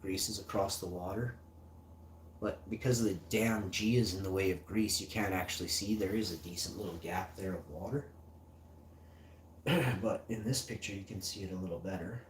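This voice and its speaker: A livestream host of Icelandic and German parentage chats casually in a low voice, sitting back from the mic in an echoey room with faint hiss beneath. He reads text aloud haltingly, stumbling through it, and rambles off into loose musings between lines.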